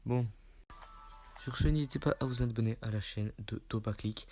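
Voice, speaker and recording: A man's voice: medium pitch, moderate pace. A man hosting a casual top-ten voice-over, hesitant with many fillers and repeating himself. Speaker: YouTube channel host. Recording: music playing loudly underneath.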